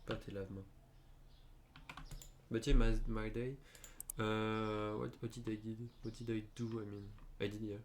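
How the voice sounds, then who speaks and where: A man's voice: fairly low pitch, flat delivery, measured pace, long pauses, slight background noise. A young adult man from France with a French accent, chatting casually and hesitantly while streaming a game, with many fillers and restarts. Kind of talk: casual gaming chat.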